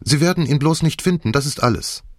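A man doing a hurried, pleading young woman. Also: a little high, expressive, no room sound, studio quality, voice pushed up. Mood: urgent, pleading. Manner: hurried, urgent.

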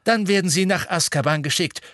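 A man's voice: sits high, fairly quick, no echo, clean studio sound, voice pushed up. A man voicing a blustering, gloating middle-aged male minister who barks his lines in an audiobook reading. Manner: shouting, barking, gloating.

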